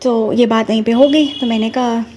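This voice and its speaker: A woman's voice: on the high side, fairly even intonation, normal speed, warm tone, slight background noise. A young woman telling a personal devotional story in an earnest, casual storytelling way. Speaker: devotee sharing a personal experience. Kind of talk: casual spoken testimony.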